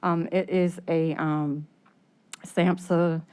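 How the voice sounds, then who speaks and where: A woman speaking through a face mask, a little short of breath, giving halting explanations at a public meeting. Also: on the low side, flat delivery, mellow, smooth. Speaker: program staff presenter at a committee meeting.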